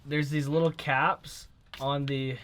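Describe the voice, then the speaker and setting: A man's voice: on the high side, takes it slowly, a little hiss or hum. A man casually explaining how to replace van brakes step by step, joking and using lots of fillers. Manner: relaxed, jokey, with many fillers. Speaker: DIY mechanic demonstrating a brake job.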